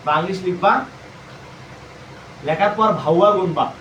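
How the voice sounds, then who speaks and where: High-voiced Bangladeshi Bengali teacher, echoey room. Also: male voice, a little slow, a bit bright, recorded from a distance, dull audio. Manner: repetitive quizzing, asks and answers own questions. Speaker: admission coaching teacher. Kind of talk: live online lesson. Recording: roomy echo, voice off-mic, faint hum.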